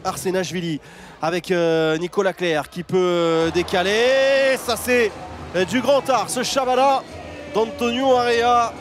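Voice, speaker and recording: A man's voice: sits high, fairly even intonation, a little slow, a loud crowd. A man giving live handball commentary in an exclamatory, emphatic way. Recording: loud music bed under broadcast commentary.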